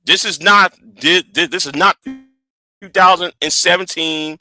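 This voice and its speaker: This livestream host is a man in his forties whose voice sits high, bright and pushed, yet unhurried. Talking heatedly to his audience, he defends himself, stammering and repeating words.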